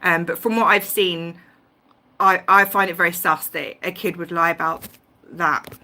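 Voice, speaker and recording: Bright-voiced woman rambling on a livestream. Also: fairly low pitch, fairly even intonation, moderate pace, slight background noise. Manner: rambling, many ums and restarts, self-aware about tangents. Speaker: YouTube livestream host. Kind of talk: casual livestream commentary. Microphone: home livestream mic.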